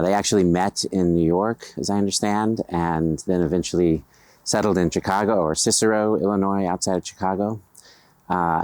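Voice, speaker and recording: A middle-aged writer from the United States answers interview questions slowly and tentatively, with lots of pauses and fillers. His deep voice is a little mellow, and the recording has no echo.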